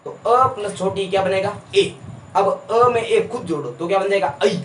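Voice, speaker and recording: A male teacher giving a classroom lecture, asking questions and answering them himself in a steady drill. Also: high voice, normal speed, a little hiss or hum. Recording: echoey room, voice from a distance.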